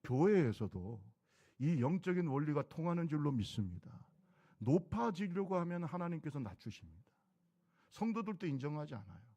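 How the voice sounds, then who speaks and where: A man's voice: a little high, big pitch swings, moderate pace, warm tone, lo-fi sound. A middle-aged man preaching a sermon as pastor of his church, talking in a conversational way and firing rhetorical questions at the congregation. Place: church sanctuary.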